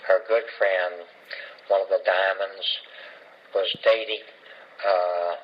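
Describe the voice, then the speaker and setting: An older man with a Southern drawl rambles through old family memories, circling back and restarting as he goes. His voice sits low and a bit husky. The recording is dull and lo-fi. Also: steady tone. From Jacksonville, Florida. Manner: rambling, halting storytelling with restarts. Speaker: family storyteller. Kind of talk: casual family reminiscing.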